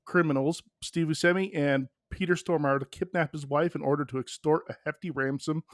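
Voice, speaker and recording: A man's voice: fairly high pitch, fairly even intonation, brisk, no echo. Man, podcast host, casual chat, easygoing, dry close sound.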